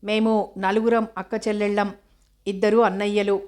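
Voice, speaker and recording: A woman's voice: medium pitch, flat delivery, normal speed, a little mellow, lightly acted. A woman voicing a mischievous little girl who answers questions in a matter-of-fact, playful way in a storybook reading. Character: mischievous little girl telling tall tales.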